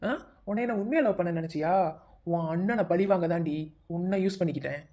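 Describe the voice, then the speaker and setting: A woman's voice: on the low side, expressive, heavy background noise, close to an everyday voice. A woman voicing a scheming, cruel young man in a cartoon love story, talking in a sneering, taunting way. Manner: sneering, taunting, fast talk. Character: scheming young male villain, cruel and mocking.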